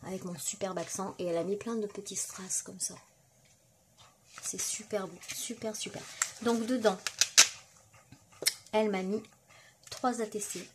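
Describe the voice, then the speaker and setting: A woman's voice: mid-range voice, fairly even intonation, unhurried, long pauses, background noise. A middle-aged woman chatting casually on her crafting vlog, full of fillers and admiring remarks as she shows mail she received. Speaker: crafting YouTuber. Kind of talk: casual show-and-tell vlog.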